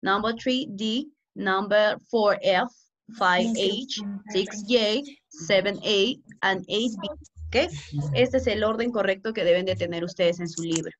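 A woman English teacher with a Peruvian Spanish accent, giving an online class slowly and with a lot of repetition. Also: mid-range voice. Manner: slow and repetitive, code-switching. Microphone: video call. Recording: muffled video call audio, faint noise.

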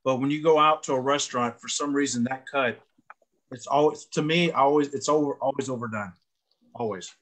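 A man co-hosting a casual cooking chat, relaxed, repeating words for emphasis. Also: mid-range voice, a little fast. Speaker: co-host.

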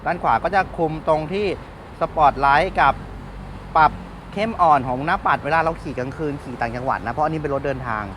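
Brief: male used-car dealer, slightly raised pitch, chatty polite walkaround, outdoors with faint street noise. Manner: chatty salesman, polite filler particles, stops and restarts. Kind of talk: casual car walkaround review.

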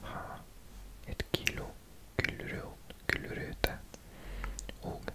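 This is an ASMR creator from Wales doing a whispered language reading. He works through a textbook indoors at a table in a soft unvoiced whisper, slow and gentle, correcting himself like a student would.

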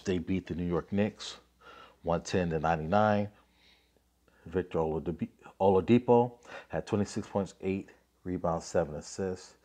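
Recorded on a phone held selfie-style, a man in his thirties with a deep, darkish voice does a casual basketball recap and rant. He's getting over a cold and coughs, reading off scores offhandedly with plenty of fillers.

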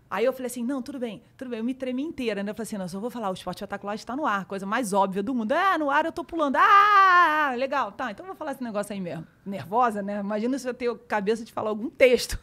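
A middle-aged woman, a podcast guest telling a story in casual chat, lively and acting out her own past dialogue. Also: fairly high pitch.

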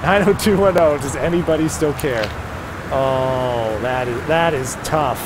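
A man's voice: medium pitch, measured pace, background noise. Man muttering through gameplay commentary. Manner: muttering asides, reading game text aloud. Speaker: streamer.

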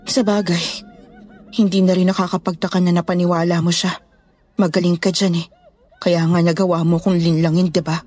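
A woman playing a proud, sharp-tongued wealthy matron in a dramatized horror story, speaking in a cutting, sarcastic manner. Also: fairly low pitch, little pitch movement, normal speed, no room sound, natural voice. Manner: tearful, then cutting and sarcastic.

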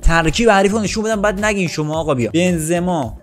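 A young man commenting excitedly on his own football video game match, shouting at the players and joking with viewers. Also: high voice, soft background music. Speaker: gaming YouTuber.

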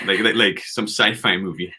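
A man in his thirties co-hosting a live stream, chiming in with excited reactions. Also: low-pitched, normal speed, slightly rough. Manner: excitable interjections. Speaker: co-host.

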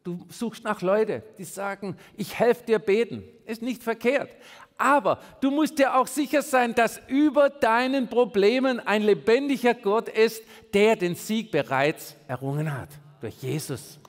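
A male pastor delivering an emphatic sermon, swinging between raised and hushed delivery. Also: high-pitched, animated, measured pace. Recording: long reverb in a large hall.

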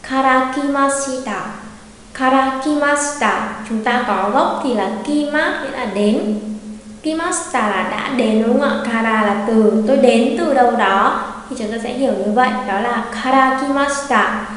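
A woman teaching an online language lesson, patiently repeating example phrases slowly. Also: on the high side, a little hiss or hum. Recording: very echoey room with long reverb.

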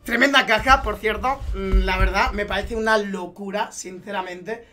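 A young man with a Spain Spanish accent talks in a fairly high voice, gushing and slangy as he unboxes a package for his viewers. He keeps piling on excited exclamations. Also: normal speed, background noise. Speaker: gaming YouTuber.

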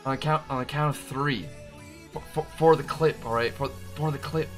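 A man streaming a video game, hyped up, shouting in bursts and swearing as he plays. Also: on the high side, fairly even intonation, normal speed, faint music behind. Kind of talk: excited gameplay streaming.

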